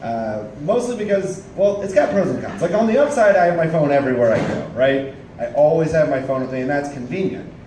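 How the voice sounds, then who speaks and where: A man's voice: on the high side, animated, fairly quick, darkish tone, echoey room, recorded from a distance, a little hiss or hum, poor audio. A man in his twenties doing a casual stand-up comedy set, rambling with lots of fillers. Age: 20s. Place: comedy club stage, audience laughing.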